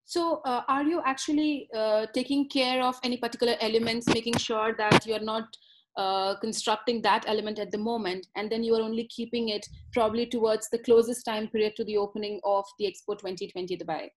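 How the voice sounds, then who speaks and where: A woman's voice: fairly high pitch, fairly even intonation, fairly quick, low-quality recording. Young woman interviewing on a video call. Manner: polite, asks long structured questions.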